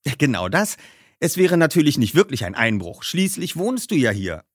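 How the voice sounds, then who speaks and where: A man doing a jittery teenage detective, high and stammering. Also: big pitch swings, moderate pace, slightly rough, no room sound, clean studio sound. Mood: bragging. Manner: stammers when flustered, tries to sound cool. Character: nervous teenage boy detective. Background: background music.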